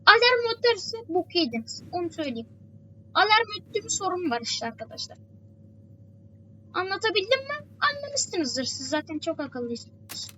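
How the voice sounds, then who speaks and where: A woman's voice: very high voice, big pitch swings, normal speed, sharp tone, lo-fi sound, slight background noise. A woman giving a chatty game walkthrough, repeating her warnings again and again. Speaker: gameplay walkthrough host. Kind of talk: casual game tutorial commentary.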